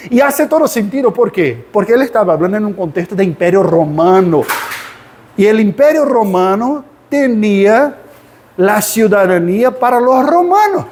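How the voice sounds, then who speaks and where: A man teaching a Sunday school Bible class in an animated way, often asking the class rhetorical questions. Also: high voice, moderate pace, slight background noise. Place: church classroom.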